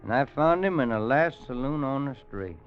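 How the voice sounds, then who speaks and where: An actor voices a weary, worried Western man spinning a grim yarn in the folksy style of 1950s American radio drama. His medium-pitched delivery is animated and lightly acted at normal speed, with a grave, haunted mood. Music plays within the muffled old recording.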